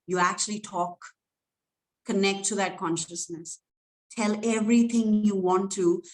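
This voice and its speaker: A woman spiritual coach guiding listeners in a livestream, speaking softly and emotionally, at times teary, with flowing, repetitive phrasing. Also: lowish voice, poor audio.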